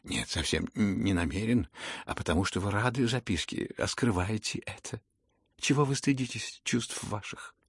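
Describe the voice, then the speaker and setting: A meek young prince, earnest and gentle, who speaks softly and a little hesitantly, as a male reader voices him. His voice sits low, quiet and husky, with a gravelly edge. It is an audiobook character reading. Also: moderate pace, dry recording, clean studio sound.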